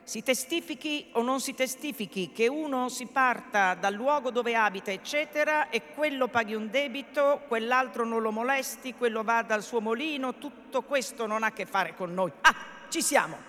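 A woman's voice: a little high, fairly bright tone, close to an everyday voice. A woman voicing a pompous, fussy old male lawyer in a theatrical reading of a novel, bustling and self-important. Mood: reading aloud. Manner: bustling, self-important, mutters quickly through legal text. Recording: echoey hall.

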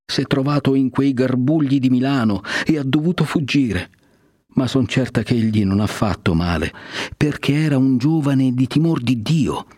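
A man's voice: mid-range voice, animated, measured pace, darkish tone, no echo, studio quality, pitched above the performer's own voice. A man reading aloud voices a tearful, pious young woman in a storybook reading, raising his voice for her. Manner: sobbing, pleading.

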